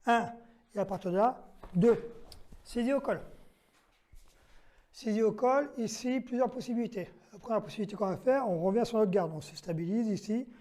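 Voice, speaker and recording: At a moderate pace with long pauses, a man with a high, warm voice demonstrates self-defense moves one step at a time. He counts them aloud, gives his training partner short commands, and checks in with "d'accord?"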